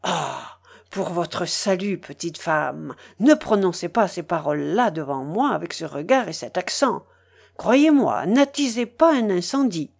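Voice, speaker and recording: A woman reading aloud voices a fierce, sardonic male pirate, dropping her voice low and sounding threatening. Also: lively intonation, a little slow, gravelly, breathy edge, exaggerated voice. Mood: menacing. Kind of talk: dramatic reading of a novel.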